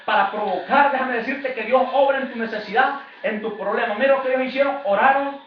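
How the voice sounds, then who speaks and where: A man's voice: extremely high pitch, brisk, slight background noise. A man preaching a sermon as an evangelist, in a fervent, repetitive preaching cadence. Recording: echoey, distant, dull lo-fi church recording.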